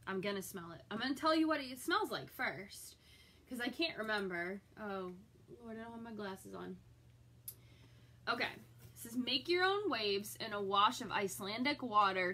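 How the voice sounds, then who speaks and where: A middle-aged woman reviews a subscription box in a live unboxing chat, talking to her viewers and reacting aloud with excitement. She has a bright, forceful, medium-pitched voice with lively intonation and a moderate pace. A little hiss or hum is audible.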